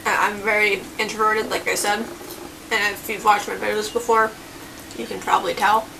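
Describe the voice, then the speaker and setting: A young woman vlogging casually, telling a story while she eats, in an unhurried, chatty way. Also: mid-range voice, flat delivery, gravelly, recorded from a distance, background noise.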